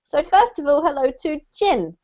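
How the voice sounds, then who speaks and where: A woman's voice: high voice, sing-song, normal speed, darkish tone, dull audio, a little hiss or hum. A woman teaching a live online English class, chatty and speaking straight to her students over a video call.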